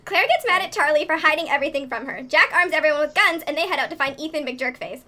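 A woman podcast co-host reading a quick episode recap with snarky, playful asides. Her voice is sped up so it sounds like a chipmunk. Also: sits high, pushed and bright.

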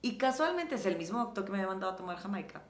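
A middle-aged Mexican woman talking casually in an interview, animated and acting out quoted dialogue. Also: medium pitch, racing, echoey room. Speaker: guest.

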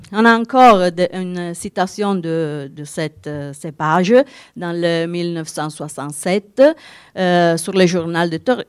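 A woman's voice: fairly low pitch, smooth, no room sound, clean studio sound. A woman with an Italian accent giving a conference presentation, searching for words in French that is not her native language. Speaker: winegrowers' association representative giving a talk.

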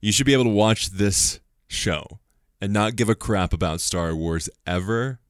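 Male podcast co-host, lower voice, dry and close, casual chatty delivery with quick acted-out quotes. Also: no echo. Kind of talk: casual chat.

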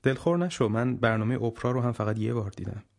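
A man voicing a dying old professor who speaks bluntly, wisely and with gentle teasing, in an audiobook. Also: medium pitch, expressive, vocal fry. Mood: frank.

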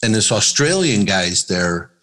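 A man from Chicago, a comedian guest, telling stories in a relaxed, animated way and acting out the people in them. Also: on the low side, a little slow. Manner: animated storyteller acting out voices. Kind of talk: casual interview storytelling.

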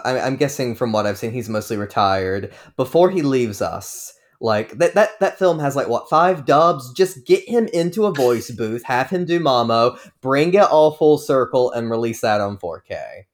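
A man guesting on a podcast, talking in a wry, rambling, self-deprecating way. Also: mid-range voice. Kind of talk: casual podcast chat.

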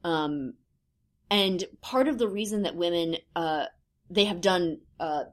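In a casual podcast chat, a woman in her thirties co-hosts at a slow pace. Her voice sits low and slips into fry, and she sounds hesitant and thoughtful, saying um often.

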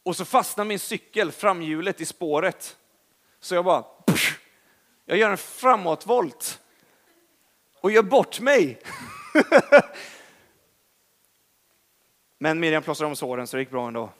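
With a fairly high pitch, this young man preaches with a Swedish accent, telling stories conversationally. He's self-deprecating and lively in how he emphasizes things.

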